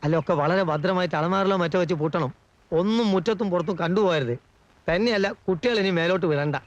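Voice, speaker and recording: An actor playing a jittery, gossiping household helper in a 1980s film drama, fussy and anxious. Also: male voice, high-pitched, quick pace, dry recording, muffled recording, natural voice.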